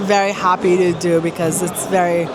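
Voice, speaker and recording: A young woman from Iraq giving candid, casual interview answers, halting often with fillers. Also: on the low side, flat delivery. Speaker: guest performer. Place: busy trade fair hall. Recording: loud crowd chatter behind.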